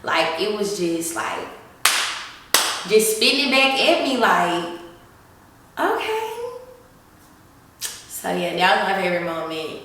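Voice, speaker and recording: A woman's voice: lowish voice, sing-song, slow, pauses often, a bit bright, a little hiss or hum. A woman, chatting casually and giggling while she answers follower questions beside her partner. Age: 20s. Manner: chatty, giggly, says y'all. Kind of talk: casual chat. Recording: echoey room, mic at a distance.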